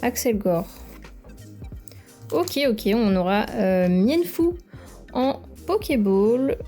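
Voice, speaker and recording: Here a young woman narrates a card-opening video, happily complimenting each trading card as she unwraps the packs. Her mellow voice is a little high and moves through big pitch swings at a slow pace, over faint background music.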